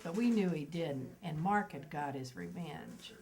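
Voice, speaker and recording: An older woman tells family anecdotes in a relaxed, chatty way. She laughs often and slips into the children's voices when quoting them. She sounds like a mother recalling her many kids. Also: lowish voice, unhurried, poor audio. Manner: lively, laughs often, acts out the kids' quoted voices. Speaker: mother of eleven telling family stories. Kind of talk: casual family storytelling.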